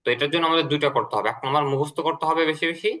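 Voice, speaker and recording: A man teaching an English lesson to a student, patient and explanatory, repeating key words slowly. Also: a little high, sharp tone.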